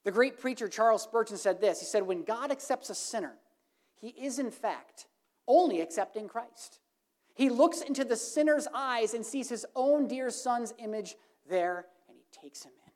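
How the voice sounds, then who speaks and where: A woman preaching an evangelistic sermon, earnest, swinging from emphatic lines to hushed, soft ones. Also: fairly high pitch, animated, normal speed.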